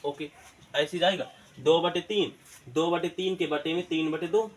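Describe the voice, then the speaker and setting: A man's voice: fairly high pitch, fairly even intonation, unhurried. A man teaching a math lesson, asking questions and answering them himself in a colloquial way. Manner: colloquial eastern Hindi words. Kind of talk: classroom-style math lesson video.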